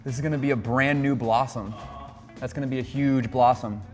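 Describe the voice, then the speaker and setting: An American man hosts a casual aquarium hobby vlog, upbeat and coaching, explaining every step plainly. His mid-range, darkish voice is brisk with fairly even intonation, heard in a large hall with soft music in the background.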